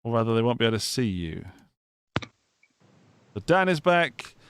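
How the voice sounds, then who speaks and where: A podcast host from England with a Gloucestershire accent runs a live guitar show over a video call on a studio microphone, chatty and jokey with many restarts. His medium-pitched voice swings widely in pitch at a moderate pace, with a little hiss or hum.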